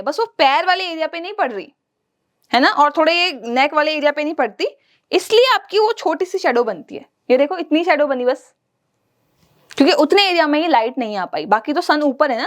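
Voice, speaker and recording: Woman teacher, high voice, lively kids' lesson, mimics everyday sounds. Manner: lively, addresses children directly, imitates everyday sounds. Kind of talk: online class lesson for children.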